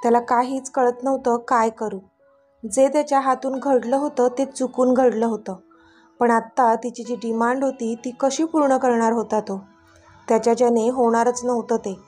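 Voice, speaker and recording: A woman narrating a romance story serial in an expressive, dramatic reading. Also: on the high side, moderate pace. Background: faint music.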